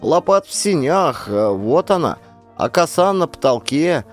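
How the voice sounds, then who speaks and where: A man's voice: a little high, sing-song, unhurried, soft background music, pitched above the performer's own voice. A man voicing a kind, fussing old village grandmother in an audiobook, doting and fretful. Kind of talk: audiobook character voice.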